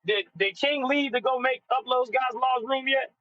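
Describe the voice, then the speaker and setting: High bright man on a lo-fi video call. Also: no echo. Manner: halting, with many fillers and restarts. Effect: on a video call with a bad signal. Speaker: caller on a live discussion. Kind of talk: casual chat. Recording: dull lo-fi call audio.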